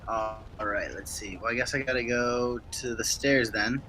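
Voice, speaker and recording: A man's voice: medium pitch, steady tone, normal speed, pushed and bright, a little hiss or hum, poor audio. A man planning his move in a tabletop game, hesitant and asking to confirm. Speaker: player. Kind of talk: casual tabletop play.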